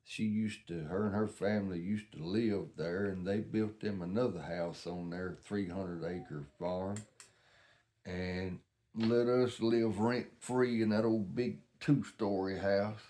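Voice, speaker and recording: A man's voice: deep voice, slow, warm tone. An older man with a Southern US accent, telling rambling stories in a casual, folksy, plain-spoken way. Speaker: vlogger.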